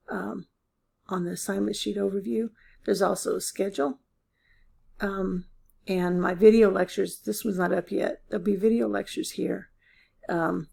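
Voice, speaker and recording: A woman's voice: fairly low pitch, a little mellow. A woman instructor losing her voice, giving a casual, filler-heavy walkthrough of her course site. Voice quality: gravelly, husky.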